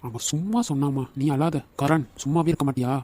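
A fond, teasing middle-aged cartoon father, as a woman puts him on. His voice is pitched down and mellow, and he talks at a fast clip. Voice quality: low mellow put-on male voice.

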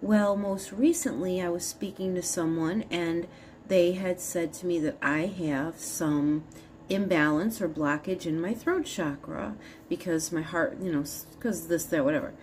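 A woman's voice: lowish voice, unhurried, darkish tone, a little hiss or hum. A woman in her fifties gives a casual spiritual talk to her phone camera at home, explaining earnestly in a meandering way and often restarting her sentences. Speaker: spiritual advisor. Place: small room at home, indoors. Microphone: phone camera at arm's length.

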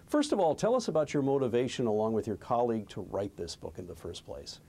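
A middle-aged man hosts a studio interview program. He reads the introduction and his questions in a formal, measured way, at an even medium pitch. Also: creaky, husky. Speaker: host. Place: studio set.

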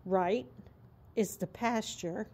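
A woman, a horse owner, filming her horse with a handheld phone in a barn aisle and talking to him in cooing baby talk, sometimes dropping to a soft whisper. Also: mid-range voice, slow pace, breathy edge. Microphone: handheld phone camera.

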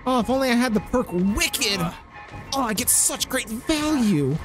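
Brief: young-sounding male streamer, high and very animated, foul-mouthed, over background music. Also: a little slow. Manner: loud swearing, dramatic cries for help. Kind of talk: live gameplay commentary.

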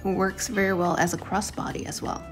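Young woman chatting through a vlog, friendly descriptive narration, soft music underneath. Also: mid-range voice, flat delivery, fairly quick. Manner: chatty, descriptive, reviewing products. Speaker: vlogger.

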